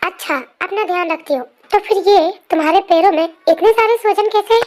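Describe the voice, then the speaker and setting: A woman voicing a possessive, quick-tempered young husband in a fan story narration, talking bossily. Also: very high voice, darkish tone. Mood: fussing. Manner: bossy, scolding, then doting. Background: faint music.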